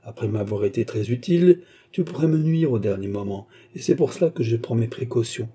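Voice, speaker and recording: A man playing a cold, scheming English baronet who speaks with mocking, false affection in a husky voice. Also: medium pitch, lively intonation, fairly quick, warm tone. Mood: coldly sweet.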